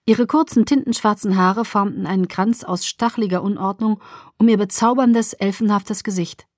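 A woman reading a first-person story aloud as an audiobook narrator, with even, measured storytelling. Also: mid-range voice, no room sound, clean studio sound.

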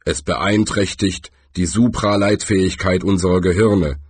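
A man doing a deep, rumbling troll. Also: a little slow, slightly rough, no echo. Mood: wry. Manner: rumbling, grumbling. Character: gruff old male troll.

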